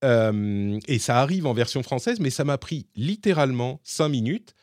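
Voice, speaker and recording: A man's voice: medium pitch, expressive, normal speed, a little mellow, no room sound, studio quality. A man with a slightly hybrid French accent co-hosting a casual tech podcast, explaining with many fillers and restarts. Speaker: podcast co-host.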